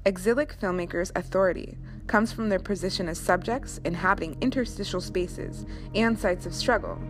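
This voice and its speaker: A woman reading a scripted essay narration about cinema in a measured, deliberate academic manner. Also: mid-range voice. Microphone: voice-over. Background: music.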